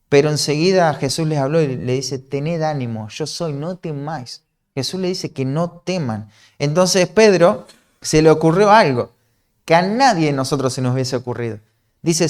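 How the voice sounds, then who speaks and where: A man from Argentina preaches in Rioplatense Spanish, earnest and explanatory, checking with his listeners again and again through a questioning "¿no?". He has a mid-range, slightly mellow voice.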